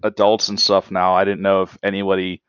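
A man's voice: low-pitched, monotone, smooth, muffled recording. A man in his forties hosting a casual podcast chat, often stumbling and repeating words. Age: 40s. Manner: halting, repeats words while restarting. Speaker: podcast host.

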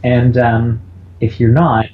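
A man's voice: mid-range voice, flat delivery, slow pace. A man co-hosting a podcast, heard over a bad video-call connection and talking earnestly. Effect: bad call connection, dull lo-fi audio. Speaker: podcast co-host. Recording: lo-fi roomy video call audio with faint background noise.

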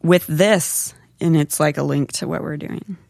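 A podcast co-host in a casual chat with friends, curious and quick to laugh, often speaking softly. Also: medium pitch, gravelly, no echo, clean studio sound.

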